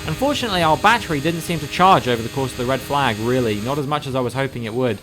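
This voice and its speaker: This excitable, medium-pitched man is a YouTuber calling his own racing game as it happens. His play-by-play is rapid, and it surges whenever something goes wrong on track.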